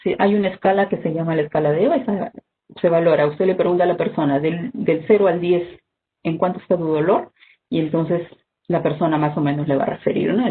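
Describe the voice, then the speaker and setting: A health instructor, giving an online first-aid training talk in a measured, explanatory way, often ending points with "¿no?". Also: mid-range voice. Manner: measured, explanatory, frequent "¿no?" tags and "este" fillers. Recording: tinny phone-like video call audio with faint noise.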